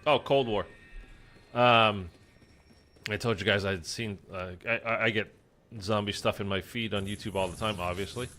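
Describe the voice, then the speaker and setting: A streamer with a lowish, bright voice and a steady, forceful tone keeps up a moderate pace while chatting through a zombies game. He rambles casually with many fillers and sounds stuffy and congested.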